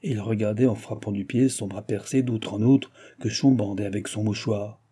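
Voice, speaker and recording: A man reads a classic novel aloud at a measured pace. His voice is low, dark and slightly husky. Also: steady tone. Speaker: audiobook narrator. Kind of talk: novel reading.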